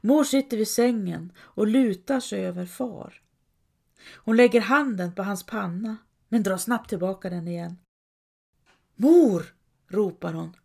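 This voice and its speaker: A woman reading a story aloud as calm scripted narration, lightly voicing quoted characters. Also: mid-range voice, vocal fry. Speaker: audiobook narrator.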